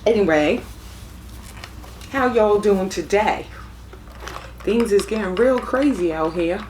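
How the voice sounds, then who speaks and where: Slow-talking chatty woman. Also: medium pitch, lively intonation, a little mellow, roomy sound, a little hiss or hum. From Brooklyn, New York. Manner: chatty, folksy, talks while eating. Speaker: mukbang vlogger. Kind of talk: casual eating chat. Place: home room.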